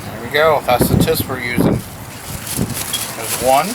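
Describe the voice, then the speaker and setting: A man's voice: mid-range voice, measured pace. A man giving a casual, playful car vlog with informal showman-like asides, recorded outdoors. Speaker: car vlogger. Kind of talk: casual unboxing and car modification chat. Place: outdoors in strong wind. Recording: loud wind noise hitting the microphone.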